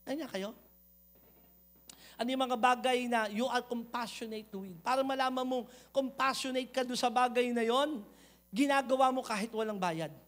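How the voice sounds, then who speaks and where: A man, a pastor preaching a sermon, moving from loud calls to the congregation to quiet, personal storytelling. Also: very high voice, normal speed. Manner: switches between loud appeals to the congregation and soft storytelling.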